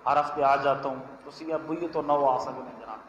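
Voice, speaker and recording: A man with a Punjabi accent preaching a sermon, chanting Arabic verses slowly and then explaining them with emphatic repetition. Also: medium pitch, fairly bright tone, dull audio. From Pakistan, Punjab. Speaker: religious scholar giving a weekly lesson. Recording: echoey hall with long reverb, faint ambience.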